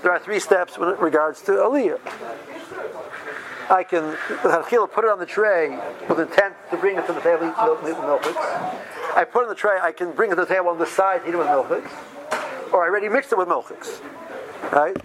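A man's voice: high-pitched, a little fast, crowd noise, rough recording. A man giving an informal lesson on a religious text, reading and explaining, rephrasing often and posing questions that he answers himself. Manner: repeats and rephrases, poses questions and answers them.

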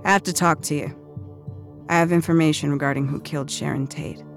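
An actress voicing an anxious female prison inmate who speaks in a hushed, urgent way. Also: low voice, brisk, vocal fry, faint music behind.

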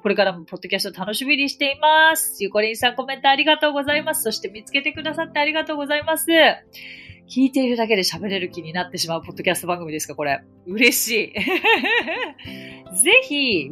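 Lively, chatty woman teaching English. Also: on the high side, racing, soft background music. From Japan. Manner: chatty, encouraging, explains with examples. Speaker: English teacher and podcast host. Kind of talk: explanatory podcast talk.

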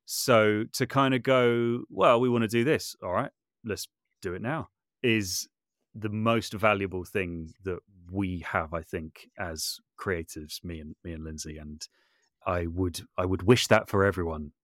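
A man with a low, unhurried, slightly bright voice chats casually as an interview guest; he's a composer and voice artist. Thoughtful and self-deprecating, he keeps circling back to rephrase himself. The recording is dry and clean, made in a small brick outbuilding that serves as his home studio.

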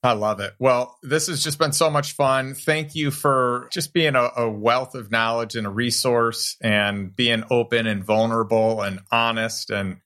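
A man's voice: mid-range voice, steady tone, a little slow, few pauses, pushed and bright. A man speaking as the host of a podcast, addressing guest and listeners. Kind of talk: podcast hosting.

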